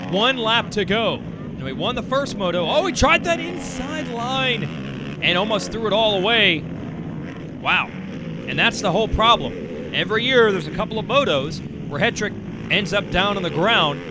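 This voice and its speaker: A man working as a motorsport commentator, calling a race play-by-play in an excited, emphatic way. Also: high-pitched. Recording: loud music bed behind the voice. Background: loud music.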